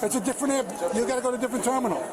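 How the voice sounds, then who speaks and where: Fast-talking, curt male officer. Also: very high-pitched, a loud crowd. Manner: curt, insistent, argumentative. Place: busy airport terminal. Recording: noisy crowded public space.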